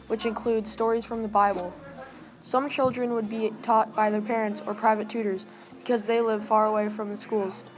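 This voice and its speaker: A woman reads scripted informational narration. Her pitch is a little above average. Background music is plainly heard under her voice.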